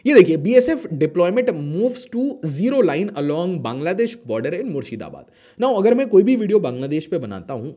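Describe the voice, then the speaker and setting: A man giving an animated explainer lecture on current affairs, emphatic and full of rhetorical questions. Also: a little high. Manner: emphatic, rhetorical questions, mixes English into Hindi.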